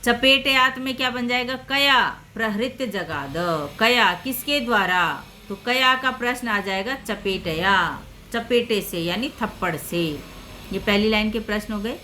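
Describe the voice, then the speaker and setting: A woman's voice: a little high, a little slow, bright, forceful tone, slight background noise. A woman teaching a Sanskrit lesson in Hindi, explaining grammar patiently step by step and repeating each example.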